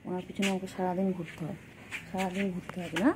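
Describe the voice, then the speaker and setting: A woman's voice: lowish voice, level tone, quick pace, a little mellow, slight background noise. A woman filming her pet cat at home, talking to it in repetitive, sing-song baby talk.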